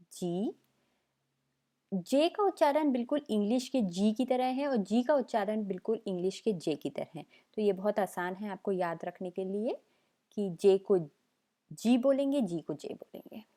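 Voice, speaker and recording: A woman's voice: mid-range voice, animated, moderate pace, mellow. A young woman teaching French letters as a patient tutor, saying each sound twice. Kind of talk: slow language lesson narration.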